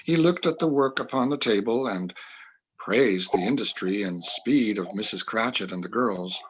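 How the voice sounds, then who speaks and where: Husky male storybook narrator. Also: on the low side, normal speed, poor audio. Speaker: narrator, community reader. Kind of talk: dramatic reading of a classic story.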